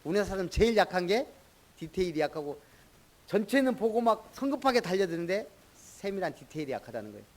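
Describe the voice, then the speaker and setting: Pastor, middle-aged man, higher-pitched voice, chatty sermon delivery that quizzes the congregation by name. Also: sing-song, fast talker. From Jeolla, Korea.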